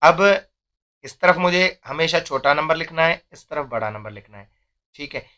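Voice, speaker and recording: A young man teaching math, his voice bright and a little high. He explains step by step in a patient classroom manner, checking in often. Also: animated, moderate pace, muffled recording. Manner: explains step by step, often says "theek hai".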